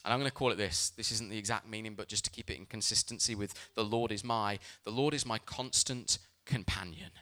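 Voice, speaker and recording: Bright-voiced male pastor preaching. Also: fairly low pitch, a little fast, hardly any pauses. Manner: emphatic preaching, mixed with lively personal storytelling. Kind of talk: sermon.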